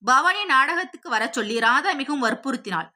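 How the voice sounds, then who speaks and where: A woman narrating a story in a steady, expressive, scripted storytelling voice. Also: sits high, a little fast. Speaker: audiobook narrator.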